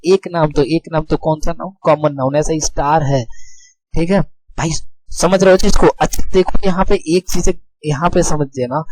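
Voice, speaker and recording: A man with a high voice teaches grammar in a relaxed, chatty way. He keeps putting questions to his students and answers them himself, repeating the key words. A faint hiss sits under his voice. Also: rough recording. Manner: casual and chatty, calls students "bhai".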